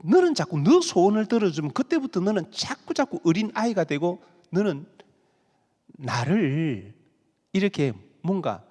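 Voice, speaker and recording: A man's voice: fairly high pitch, a little mellow, husky, long reverb tail. A male pastor preaching a sermon, acting out pleading prayers in dramatic voices.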